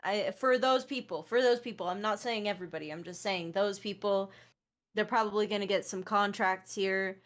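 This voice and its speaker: A woman's voice: medium pitch, normal speed. A woman co-hosting a casual podcast, a streamer herself, chatty and hedging her points with asides and fillers.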